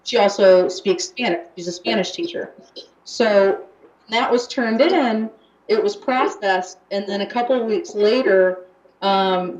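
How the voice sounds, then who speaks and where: A young American woman chats casually on a radio show, her medium-pitched voice carrying a darkish tone. She talks in a loose, rambling way with lots of fillers and restarts, and the radio recording sounds roomy and muffled.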